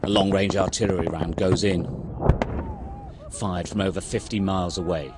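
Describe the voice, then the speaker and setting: A man's voice: low voice, fairly even intonation, normal speed. A man giving scripted war documentary narration in terse, dramatic short sentences. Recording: loud vehicle and battlefield noise behind.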